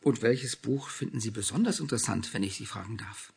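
A man's voice: lowish voice, brisk, gravelly, darkish tone, husky, exaggerated voice. A man voicing an elderly, courteous and curious male bookseller who asks polite, probing questions.

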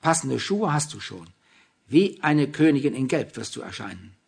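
A man voicing a pushy, excitable young woman, insistent and gushing, with a husky, gravelly voice. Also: mid-range voice, normal speed, voice pushed up, exaggerated voice. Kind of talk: audiobook reading.

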